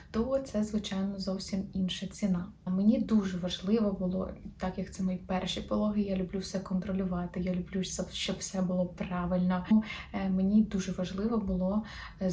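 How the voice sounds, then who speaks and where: A woman's voice: mid-range voice, a little hiss or hum. A young woman from Ukraine, a new mother, talking openly in a casual personal vlog. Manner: chatty and open, quick soft laughs.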